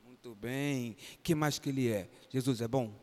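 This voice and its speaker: Here the pastor, who has a Brazilian Portuguese accent, speaks at medium pitch and normal speed. He is running an interactive Bible class for children, urging them by name to reply, in a church hall full of echo.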